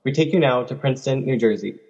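A man playing a brisk, husky studio announcer in a 1930s-style radio play, reading a scripted handover. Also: medium pitch, a little mellow. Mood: brisk, formal. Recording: dull lo-fi sound.

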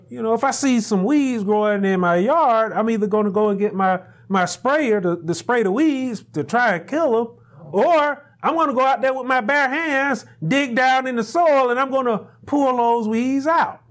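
A middle-aged man delivers a Sunday sermon from a pulpit in a small chapel, speaking into a lapel microphone. His voice sits notably high for a man. He climbs into shouted emphasis and leans on repetition to drive each point home. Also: expressive, normal speed. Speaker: pastor. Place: small chapel room indoors, standing at a pulpit. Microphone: lapel mic.

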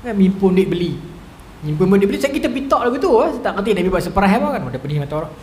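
A man's voice: sits high, sing-song, racing. A man in his thirties with a northern Malaysian Malay accent, giving a humorous religious lecture full of stories and asides to the audience. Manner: chatty, storytelling, keeps asking the audience "right?". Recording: echoey hall with faint noise.

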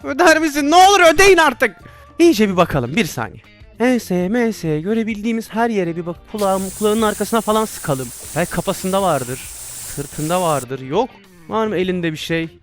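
A man's voice: high voice, expressive, moderate pace, soft background music. A man playing a virtual reality doctor game, commenting casually and exclaiming and laughing at his own mistakes. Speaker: VR gameplay streamer.

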